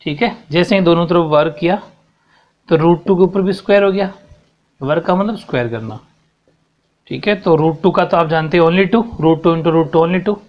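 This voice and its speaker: A man's voice: on the high side, moderate pace, pauses often. A young man teaching a school math lesson at the board, explaining each step and often checking whether the students follow. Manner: explains step by step, mixing in English terms, keeps checking understanding. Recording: dull lo-fi recording.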